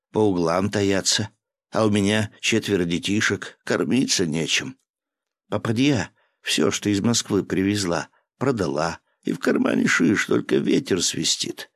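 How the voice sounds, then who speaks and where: A man's voice: on the low side, fairly bright tone, no room sound, heavily acted. A man voicing a timid, pleading village priest who wails and laments, in a storybook reading. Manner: wailing, plaintive pleading.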